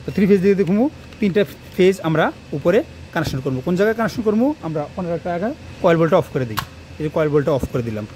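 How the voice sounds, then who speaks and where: A man, an electrician talking quickly and repetitively through a hands-on wiring tutorial, recorded on a phone in a workshop. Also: high-pitched, lively intonation, darkish tone, slight background noise. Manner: fast, rambling, repeats himself while working. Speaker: electrician teaching wiring on his channel. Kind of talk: hands-on tutorial talk to camera. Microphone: phone camera propped nearby.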